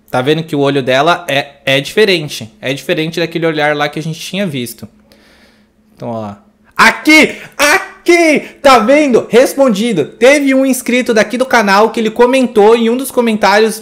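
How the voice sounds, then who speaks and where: A Brazilian man with a high-pitched voice reacts to a movie trailer. He talks in an effusive, exclamatory way and gushes over each scene as he comments on it. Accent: Brazilian Portuguese.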